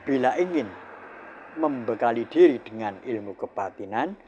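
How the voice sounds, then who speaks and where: An older man giving a spiritual sermon in a measured, solemn way, pausing between short phrases. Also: medium pitch, animated, warm tone, highs cut off, slight background noise. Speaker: spiritual teacher.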